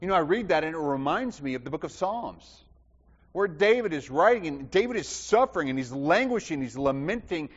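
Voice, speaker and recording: A man's voice: fairly high pitch, animated, brisk, slightly rough. Impassioned preacher man in echoing hall. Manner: impassioned, rhetorical repetition, swings from loud to hushed. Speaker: pastor. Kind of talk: sermon. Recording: dull sound with long church reverb.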